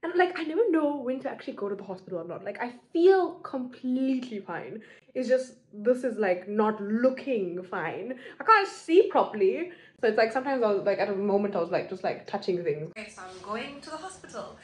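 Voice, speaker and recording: A woman's voice: fairly high pitch, expressive, fairly quick, breathy edge, rough recording. A woman vlogging on her phone in casual chat, talking loosely with lots of fillers. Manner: chatty, filler-heavy talk with many "like"s. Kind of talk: casual selfie vlog. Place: busy hospital ward. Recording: busy hospital crowd noise behind.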